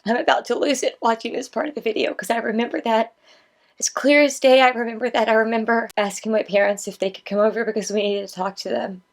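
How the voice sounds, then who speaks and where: A woman's voice: a little high, steady tone, fast, vocal fry. A woman in her thirties reflecting candidly as she comments on an older video of herself. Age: 30s. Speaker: vlogger.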